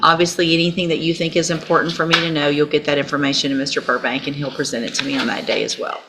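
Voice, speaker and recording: A woman judge with an American accent and a low-pitched voice presides in a courtroom. She speaks in a formal, procedural way, explaining each step. The recording is clearly noisy, with clicks. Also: flat delivery, quick pace.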